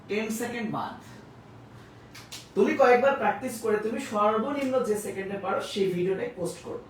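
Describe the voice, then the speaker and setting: Male biology teacher, live class, rhythmic chanting drills; mid pitch, echoey room, mic at a distance. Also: a bit bright, slight background noise. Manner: chanting lists of terms in rhythm to drill memory.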